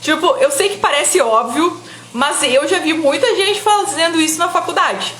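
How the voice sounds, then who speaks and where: A woman's voice: very high voice, normal speed, fairly bright tone, echoey room, a little hiss or hum. A young woman from giving casual public speaking advice on a live stream, chatty and full of "tá?" tag questions. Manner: chatty, frequent "tá?" tag questions, laughs often.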